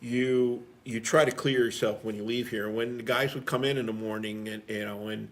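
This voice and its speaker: Chatting casually, a middle-aged firefighter spins stories with a blunt, salty edge. He speaks at a normal speed in a lowish voice whose intonation stays fairly even.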